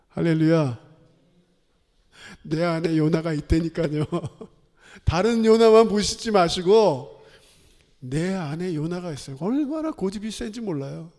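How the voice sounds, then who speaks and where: A man preaching a sermon as pastor, animated, acting out quoted voices and laughing often. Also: fairly high pitch. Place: church sanctuary. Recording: long hall reverb.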